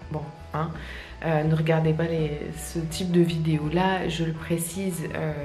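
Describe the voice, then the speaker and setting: A young woman chatting casually to her viewers in a soft-spoken, hesitant and reflective way. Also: sits low, little pitch movement, measured pace. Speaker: vlogger and ASMR creator. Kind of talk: casual personal vlog, talking to viewers. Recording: roomy, echoey sound with faint music.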